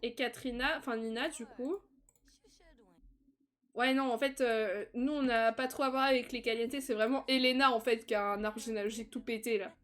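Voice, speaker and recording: In a slightly high voice at normal speed, a young woman gives easygoing live-stream commentary on a life-simulation game. She's talkative, laughs frequently and sometimes squeals with excitement.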